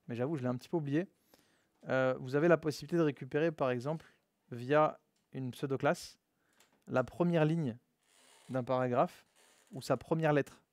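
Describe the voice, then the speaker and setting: In a laid-back live classroom session, this coding instructor chats with his trainees in a loose, slang-filled style, addressing them as "les gars." His mid-range voice comes through close and dry, without echo.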